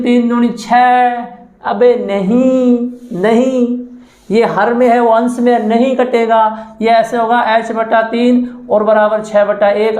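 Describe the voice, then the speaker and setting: हरियाणवी लहजे वाला पुरुष गणित शिक्षक. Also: male voice, high voice, roomy sound. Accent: Haryanvi. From Haryana. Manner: chants times tables, repeats phrases. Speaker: maths teacher. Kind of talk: classroom lecture. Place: coaching classroom.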